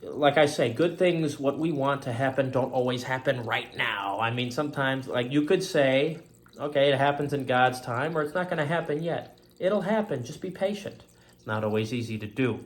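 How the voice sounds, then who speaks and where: A man with a medium-pitched voice hosts a faith-themed talk show, talking at normal speed. His earnest solo monologue rambles and keeps circling back to stock phrases.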